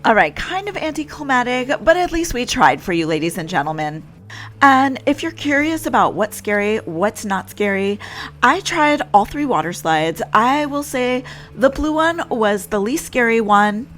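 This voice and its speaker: A woman's voice: a little high, big pitch swings, normal speed, fairly bright tone, faint music behind. Chatty woman vlogging on a cruise. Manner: chatty, upbeat, addresses viewers directly. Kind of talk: casual vlog narration. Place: aboard a cruise ship.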